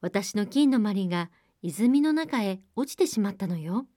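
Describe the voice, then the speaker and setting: A woman's voice: mid-range voice, lively intonation, a little slow, mellow, dry recording, lightly acted. Woman doing a spoiled princess, haughty, dismissive, dry close voice. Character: spoiled young princess, haughty then flustered.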